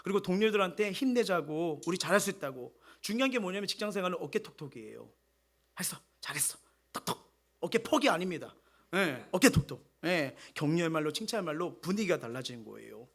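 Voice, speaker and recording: Male pastor, middle-aged, Sunday sermon; high voice with a wide, animated range. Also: quick pace. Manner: animated preaching, swings between loud exhortation and soft quoted asides.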